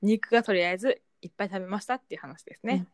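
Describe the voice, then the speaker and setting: A young woman with a Kansai accent, co-hosting a casual chat and telling travel stories in a lively way. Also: mid-range voice, very fast, no echo. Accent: Kansai Japanese. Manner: lively storytelling, acts out quoted voices. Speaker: podcast co-host.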